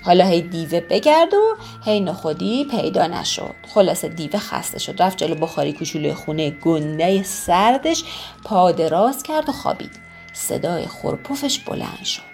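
A woman telling a folk tale to listeners in an expressive, sing-song storyteller's manner. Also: lowish voice, soft background music.

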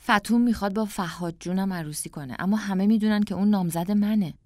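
A woman's voice: medium pitch, dry recording, clean studio sound, voice pushed up, lightly acted. A woman voicing a proud, stubborn five-year-old girl who speaks in an insistent, boastful way.

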